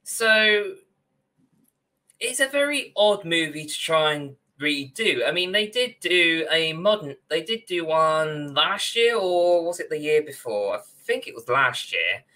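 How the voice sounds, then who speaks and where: This young adult's voice is on the high side and very animated, delivered at a measured pace with a pushed, bright quality. As a podcast co-host calling in from a room, he rants opinionatedly in a casual discussion of films and games.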